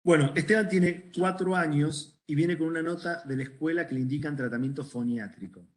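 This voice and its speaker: Lecturing medical students, this middle-aged ENT doctor talks with a Rioplatense Spanish accent, his voice on the high side and his pace fairly quick. He keeps it conversational, quizzing the class and recounting stories from his practice.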